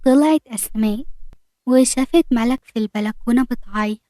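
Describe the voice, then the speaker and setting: A woman's voice: on the high side, a little fast, dark tone, no echo. Egyptian woman narrating a romance. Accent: Egyptian Arabic. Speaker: storyteller.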